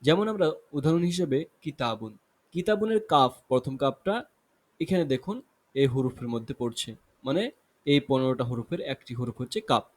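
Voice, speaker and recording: A man's voice: mid-range voice, lively intonation, normal speed. A man with a Bangladeshi Bengali accent teaching an Arabic lesson, explaining patiently and often repeating or correcting himself.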